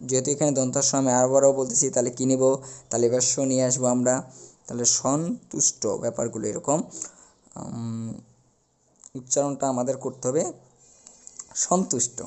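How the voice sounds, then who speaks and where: A young man teaching a recorded class, explaining step by step and slowly repeating the key words. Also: mid-range voice, steady tone, mellow.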